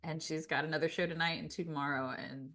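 Low-voiced woman telling a lively story. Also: quick pace, soft background music. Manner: animated storyteller, acts out quotes. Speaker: guest co-host. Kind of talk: casual podcast chat.

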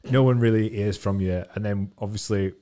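Male podcast host, slightly low pitch, very quick informal chat. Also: steady tone, dark tone.

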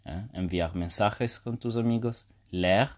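Low-voiced hesitant podcast man. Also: slow, a little mellow. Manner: hesitant, many fillers and restarts. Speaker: podcast host. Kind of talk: casual solo podcast talk.

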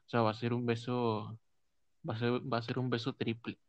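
A man's voice: mid-range voice, little pitch movement, a little fast, no room sound, lightly acted. A man playing a coaxing teenage girl. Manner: coaxing, playful. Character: teasing older girl cousin. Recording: dull lo-fi sound.

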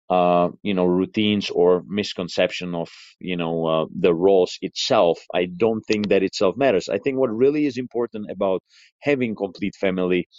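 Male caller, slightly deep, halting informal opinion, muffled lo-fi sound. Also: darkish tone, dry recording. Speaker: caller leaving a voicemail. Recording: dry, dull lo-fi sound.

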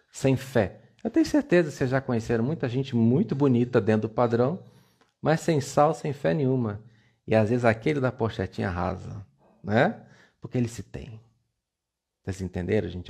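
A man's voice: medium pitch, vocal fry, darkish tone, slightly rough. A man, giving a playful, coaxing motivational talk on a live stream and repeating words for emphasis. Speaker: live-stream self-esteem coach.

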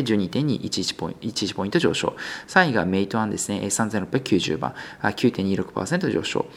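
A male business news host with a lowish voice walks through market figures in a conversational, unscripted manner, with plenty of filler sounds and hesitations before a polite sign-off. There's a little hiss or hum on the recording.

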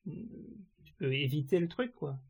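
A man's voice: on the high side, animated, slow pace, a little mellow, husky. A man, a co-host in a casual chat, who asks questions and lets his sentences trail off.

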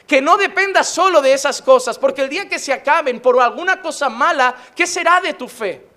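High bright-voiced preaching man. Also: expressive, fairly quick. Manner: impassioned, mixes humor and emphatic repetition. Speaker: pastor. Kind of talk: sermon.

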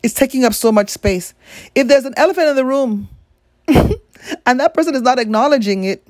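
A woman's voice: high-pitched, lively intonation, moderate pace, a little mellow, no room sound, studio quality. A woman from Nigeria giving a blunt, emphatic opinion monologue with free swearing.

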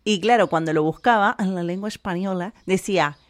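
A woman from Argentina with an Argentine accent, chatting casually to camera in an animated, opinionated way full of fillers. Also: on the low side, a little fast. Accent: Argentine Spanish. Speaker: vlogger.

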